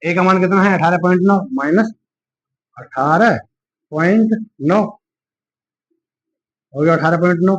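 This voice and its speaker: A man's voice: sits high, a little slow, pauses often, fairly bright tone. A man teaching a maths lesson step by step, patient and reassuring, talking through each calculation aloud. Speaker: maths tutor. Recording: dull lo-fi sound.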